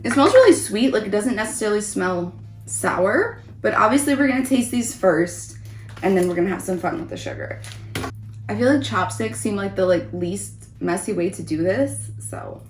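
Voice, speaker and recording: A woman giving a casual, chatty food review as host of a taste test vlog. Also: medium pitch. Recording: roomy echo, background noise.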